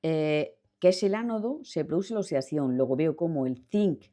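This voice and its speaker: Female teacher, Spanish accent, patient and repetitive, lowish warm voice, for video lesson. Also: lively intonation, moderate pace. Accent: Spanish from Spain. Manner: patient, repetitive, checks in with students. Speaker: chemistry teacher.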